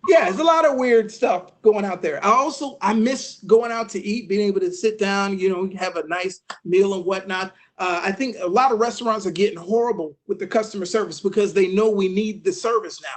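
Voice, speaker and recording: A man from Savannah, Georgia, doing a stand-up comedy set for an online webinar, animated and acting out voices with sudden loud bursts. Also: high voice, brisk, few pauses.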